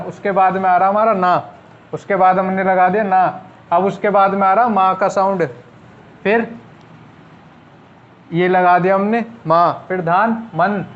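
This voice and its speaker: High-voiced young man teaching shorthand. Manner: step-by-step explaining, asks and answers his own questions. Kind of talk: online classroom lesson. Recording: dull lo-fi sound.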